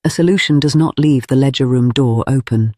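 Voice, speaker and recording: Earnest, mellow Regency gentleman, read by a narrator. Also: mid-range voice, brisk, no room sound, clean studio sound, close to an everyday voice. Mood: earnest, restrained. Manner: careful, formal, restrained. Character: earnest, honest Regency gentleman confessing his feelings.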